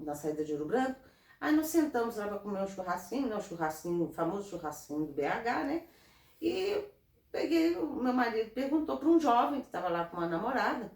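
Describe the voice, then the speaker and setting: A woman from Brazil, a guest in an interview, giving earnest, animated advice in casual talk. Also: medium pitch. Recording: roomy, from a distance off mic.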